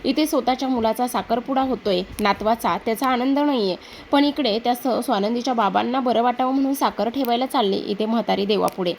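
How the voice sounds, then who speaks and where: A woman voicing a bossy, irritable middle-aged woman who scolds her servants in a sharp tone. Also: fairly high pitch, fairly quick, vocal fry, a little hiss or hum. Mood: grumbling.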